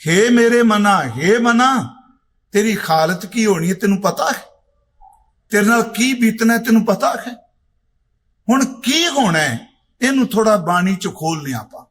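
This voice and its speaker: Middle-aged male preacher, raised pitch, slow chanted verses between plain explanation. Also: expressive, a bit bright. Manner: chants scripture lines slowly, explains in plain speech. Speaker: Sikh preacher giving katha. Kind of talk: religious discourse on scripture.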